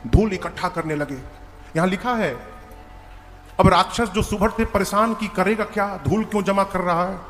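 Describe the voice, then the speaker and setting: A man telling a devotional story as a sermon, lively and humorous, chanting verses now and then. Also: sits high, normal speed. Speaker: storyteller preacher. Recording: reverberant hall with faint music.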